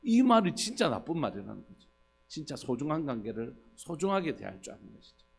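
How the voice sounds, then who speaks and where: A man's voice: a little high, big pitch swings, a little fast, creaky, darkish tone. A man preaching an earnest, conversational dawn-service sermon as a pastor, with frequent fillers. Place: church.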